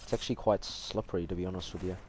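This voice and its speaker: A man's voice: sits low, steady tone, racing. A man with a broad New Zealand accent giving casual, slangy live commentary while gaming. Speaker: gaming streamer. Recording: noisy home gaming mic.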